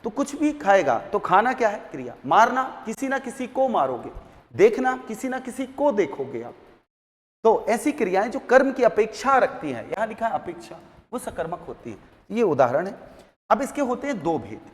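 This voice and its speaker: High-voiced male grammar teacher. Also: big pitch swings, normal speed. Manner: asks the class questions and answers them himself. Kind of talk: classroom grammar lesson. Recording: long hall reverb.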